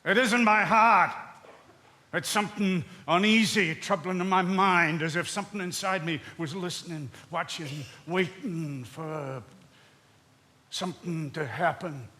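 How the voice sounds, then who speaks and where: A bitter, brooding older husband. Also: male voice, high-pitched, measured pace. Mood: anguished. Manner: brooding, bursts into shouting. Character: bitter, suspicious older husband back from war. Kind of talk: stage drama performance.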